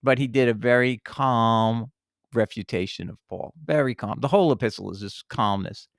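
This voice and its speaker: A man's voice: medium pitch, moderate pace, creaky, dry recording, studio quality. A man reading scripture aloud and commenting on it in a passionate, indignant way, often restarting his words. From Italian heritage. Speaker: bible commentator.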